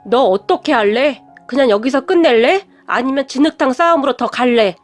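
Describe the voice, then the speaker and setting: A stern middle-aged father, as a woman narrator reads him in an audio story. He speaks firmly and deliberately, and the line is read in the narrator's own high register. He sounds cold and measured. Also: lively intonation, soft background music. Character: stern middle-aged father confronting his son's fiancée.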